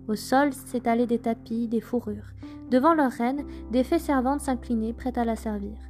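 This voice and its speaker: A woman narrating traditional folk tales in a measured, gentle storytelling manner. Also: fairly high pitch, soft background music. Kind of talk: scripted folk tale narration.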